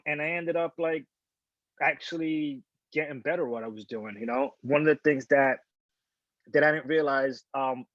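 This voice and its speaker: A man in his forties who was born in the Dominican Republic and grew up in New York, a photojournalist telling his career story in a relaxed, candid way with many fillers and restarts. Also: medium pitch, dry recording. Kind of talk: casual talk at a panel. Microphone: video call. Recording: dull lo-fi sound, dry.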